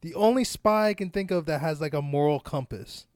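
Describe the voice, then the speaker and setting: A man co-hosting a podcast in casual chat, throwing in quick dry quips. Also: a little high, a little mellow, clean tone, no room sound. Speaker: podcast co-host.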